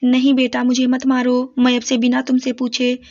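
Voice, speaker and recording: A woman's voice: high-pitched, monotone, moderate pace, darkish tone. A woman voicing a mistreated old mother in her sixties, begging tearfully for mercy in a told story. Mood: pleading. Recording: dull lo-fi recording.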